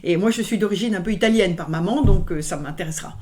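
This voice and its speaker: A woman violinist answers questions as a guest in a conversational interview, her voice on the low side, quick and a little mellow. She speaks with many hesitations, fillers and restarts.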